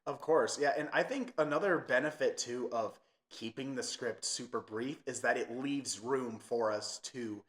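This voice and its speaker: A man's voice: mid-range voice, measured pace, hardly any pauses, a bit bright. Chatty young man hosting a podcast. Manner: chatty, many fillers. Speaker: podcast host. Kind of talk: casual chat.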